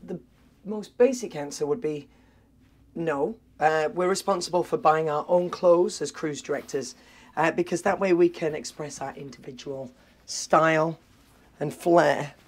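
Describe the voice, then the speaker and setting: A man's voice: a little high, measured pace. Male, 30s, upbeat cruise director; enthusiastic, casual vlog presenting straight to camera. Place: aboard a cruise ship, in cabins, corridors and busy public decks.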